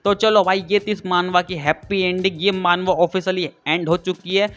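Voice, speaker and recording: A man's voice: high voice, flat delivery, normal speed, fairly bright tone, slight background noise. A man narrating a comic recap in a cheeky, crude way, talking straight to his viewers. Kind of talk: casual comic story recap.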